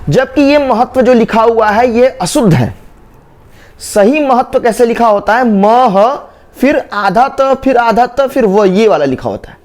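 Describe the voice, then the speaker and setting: A man teaches correct spelling in a high voice that swings up and down. He asks a question, answers it himself, and drawls each word syllable by syllable for students preparing for exams. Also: a little mellow. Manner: repeats words slowly, stretching the syllables. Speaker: Hindi teacher. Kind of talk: spelling lesson for exam students.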